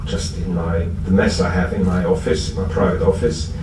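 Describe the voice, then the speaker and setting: At a recovery fellowship convention, a German-accented man gives an informal, halting talk recalling past times, joking dryly at his own expense. His voice is low-pitched with a steady tone. It's captured by a distant microphone in an echoey, noisy room before an audience.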